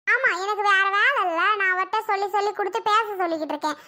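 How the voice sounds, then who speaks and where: A quarrelsome young cartoon woman who snaps and brushes everyone off, as a woman voices her. Her voice is extremely high and sharply bright. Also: quick pace. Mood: snapping rude. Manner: snapping, dismissive. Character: young woman, rude quarrelsome sister-in-law. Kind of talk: cartoon voice acting.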